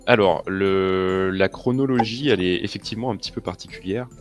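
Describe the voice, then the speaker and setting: Low-voiced relaxed male developer. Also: brisk, soft background music. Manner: relaxed, teasing, corrects details. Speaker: guest game developer. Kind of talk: casual conversation.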